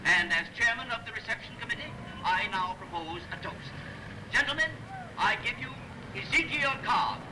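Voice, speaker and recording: A man's voice: high-pitched, expressive, moderate pace. An actor playing a formal civic chairman giving a declamatory 1930s film speech, a disembodied voice as if over a radio. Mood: solemn, rousing. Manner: formal, declamatory banquet oratory. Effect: disembodied voice over a car radio. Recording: noisy, distant 1930s film soundtrack.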